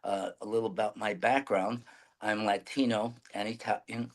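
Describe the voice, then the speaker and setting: A man in his fifties with a fairly low voice. He speaks earnestly, rambling and restarting his sentences as he answers questions. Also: fairly even intonation, moderate pace, rough recording. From New York City. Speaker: mayoral candidate guest. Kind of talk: interview answers.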